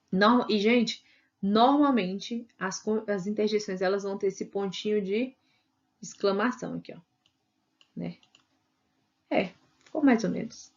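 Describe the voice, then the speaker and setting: A Brazilian woman teacher giving an online video lesson, chatty and constantly adding "né?" to check in with her students. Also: medium pitch. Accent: Brazilian Portuguese. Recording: dull lo-fi recording.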